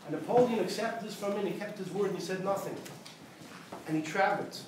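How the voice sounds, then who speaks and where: A man, a rabbi, telling a story to a gathering in a synagogue with an animated storyteller's manner, dropping in Yiddish words. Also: high-pitched, quick pace. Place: synagogue hall. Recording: very echoey hall, distant mic, noisy.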